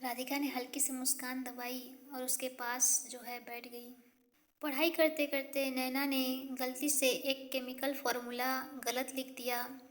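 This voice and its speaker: Slow, high-voiced woman storyteller. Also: level tone. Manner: slow reading with spoken self-corrections. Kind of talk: audio story narration.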